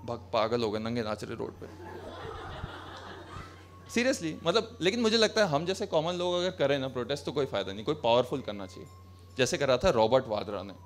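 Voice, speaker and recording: A man's voice: mid-range voice, expressive, a little fast, slight background noise. Young man doing sarcastic stand-up. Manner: conversational, sarcastic, switching between Hindi and English. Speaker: stand-up comedian. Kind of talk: stand-up comedy set. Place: small cafe stage with brick wall, live audience. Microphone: handheld mic.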